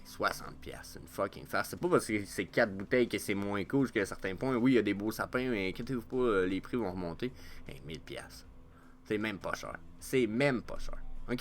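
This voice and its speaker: Casting: lowish-voiced Quebec French guy, excitable vlogger, cusses and stumbles through fillers. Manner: excitable, swears freely, many fillers. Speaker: NFT market vlogger. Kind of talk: casual market commentary.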